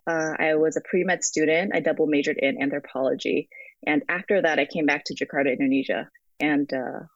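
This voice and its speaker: A woman's voice: low-pitched, fairly even intonation, brisk, no room sound. A young woman with an American accent, speaking reflectively in a remote interview, with many ums and restarts. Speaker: guest. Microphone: phone app call. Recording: dry, dull call audio.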